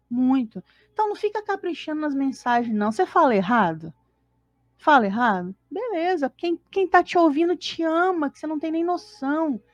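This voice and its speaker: A woman's voice: a little high, darkish tone, dry recording. A Brazilian woman co-hosting a spiritist study, talking animatedly and acting out little scenes. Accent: Brazilian Portuguese. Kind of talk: casual religious study talk. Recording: dull lo-fi dry sound.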